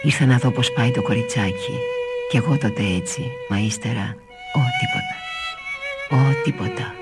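A woman's voice: extremely low pitch, voice pushed up. A woman reading aloud voicing a timid, haunted young stepdaughter who falters and murmurs, with music underneath. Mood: faltering.

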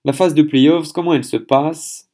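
A man's voice: fairly high pitch, steady tone, moderate pace, darkish tone. A man hosting a solo podcast episode, speaking in a chatty, hesitant way and stumbling over foreign names. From France. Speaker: podcast host.

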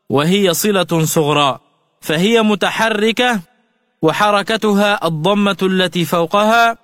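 A man giving a radio lesson on Quran recitation rules, with measured explanations and slow chanted example words. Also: high voice, fairly bright tone, no echo, clean studio sound, big-room sound.

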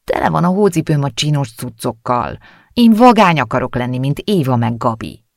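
A man's voice: medium pitch, very animated, gravelly, dry recording, clean studio sound. A man voicing a rebellious teenage girl in an audiobook; she talks in a sulky, pleading way and sometimes drops to a whisper. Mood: frustrated.

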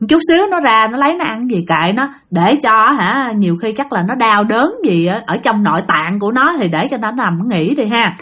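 A woman's voice: on the high side, expressive, normal speed, few pauses, fairly bright tone, slightly rough. A woman playing a weary, wounded man. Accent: Southern Vietnamese. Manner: weary, dismissive. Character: tired, injured older man, calm and resigned.

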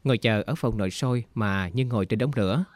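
A man narrating an audiobook story in an even, unhurried reading. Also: fairly low pitch, no room sound.

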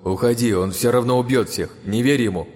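A man's voice: medium pitch, fairly quick, darkish tone, big-room sound, voice pushed up, lightly acted. A man voicing a frantic, pleading male inner voice inside the hero's head in an audiobook. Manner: urgent, panicky pleading.

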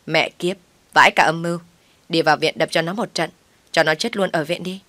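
A woman's voice: low voice, fairly quick, fairly bright tone, dry recording. A woman voicing a hot-headed, foul-mouthed young woman friend who talks brashly. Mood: outraged. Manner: cursing, brash.

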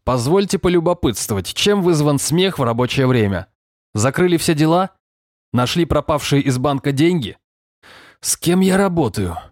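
A man's voice: on the high side, expressive, a little fast, dry recording, studio quality, pitched above the performer's own voice. A man voicing a furious, stout middle-aged police lieutenant colonel who scolds with bellowing sarcasm. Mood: raging.

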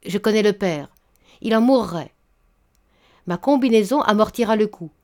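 A woman reading a story aloud, voicing an old spinster matchmaker who speaks in a flattering, unctuous way. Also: mid-range voice, normal speed, close to an everyday voice. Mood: honeyed. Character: old honey-tongued spinster matchmaker, scheming. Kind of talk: audiobook reading.

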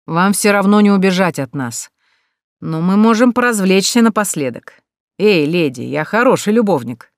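A woman's voice: medium pitch, expressive, moderate pace, no room sound, clean studio sound, close to an everyday voice. A woman voicing menacing male bandits in an audiobook, threatening and leering.

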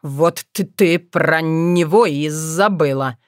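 Audiobook: woman voicing a cold, stammering young fox-man, deep and dry. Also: no echo, faint music behind. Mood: subdued. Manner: slow, stammering, subdued. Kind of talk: audiobook character voice.

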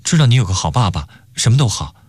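A man's voice: fairly low pitch, very animated, fast, a little mellow, husky, no room sound. A man reading a radio story, voicing a withdrawn young male student with a dry, mocking tone. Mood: sardonic.

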